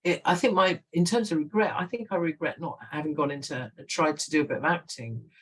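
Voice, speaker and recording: Guest voice: middle-aged woman, chatty writer, quick to laugh, animated. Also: low-pitched, poor audio. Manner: lively, laughs often, animated storytelling. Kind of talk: conversational interview.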